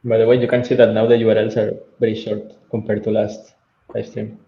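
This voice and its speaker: A man's voice: on the low side, level tone, a little fast. A male engineer explains a technical process patiently and methodically. His intonation stays level, and the call audio sounds echoey and slightly muffled, with a faint hiss. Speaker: software engineer guest. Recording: roomy, dull video call audio with faint noise.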